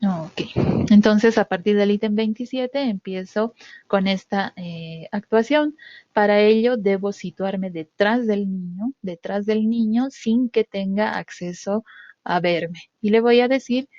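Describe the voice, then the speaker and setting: A woman's voice: medium pitch, unhurried, warm tone, dry recording, dull audio. A woman demonstrating a test procedure step by step. She often checks in with "¿sí?", uses many fillers, and stresses key sounds. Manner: repeats "¿sí?" to check understanding, with frequent fillers. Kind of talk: instructional walkthrough.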